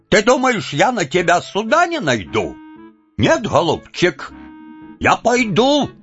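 A man's voice: on the low side, creaky, a little mellow, heavily acted. A man voicing an aging, stubborn Cossack villager who mutters to himself and bursts out indignantly, in a dull lo-fi audiobook with faint music.

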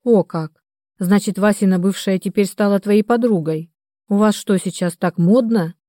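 A woman's voice: mid-range voice, fairly even intonation, moderate pace, dark tone, dry recording, clean studio sound, close to an everyday voice. A woman reading the part of a retired mother in her sixties, anxious and reproachful, in an audiobook.

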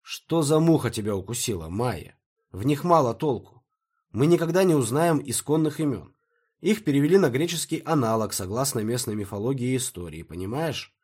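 A man reading an audiobook, voicing a calm, bookish young translator who is patient and mildly sarcastic. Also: medium pitch, a little fast, husky, pitched above the performer's own voice. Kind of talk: audiobook character voice.

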